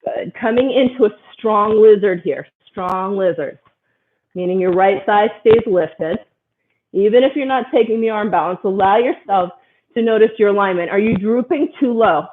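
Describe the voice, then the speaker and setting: A woman yoga instructor guides a class through poses with brisk, encouraging cues on alignment and breathing. Her voice comes through thin and tinny, like audio over a phone line. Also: medium pitch. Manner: steady stream of short, encouraging body cues.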